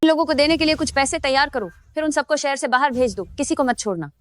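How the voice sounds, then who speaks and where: A woman's voice: sits high, animated, quick pace, slight background noise. A woman dubbing a stern enforcer who gives curt orders. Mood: commanding. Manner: curt, commanding. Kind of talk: Hindi dub of a drama.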